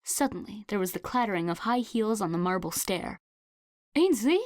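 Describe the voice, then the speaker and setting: Woman narrator, audiobook, even unhurried reading, mid pitch, dry close mic. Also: no room sound. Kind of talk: scripted narration.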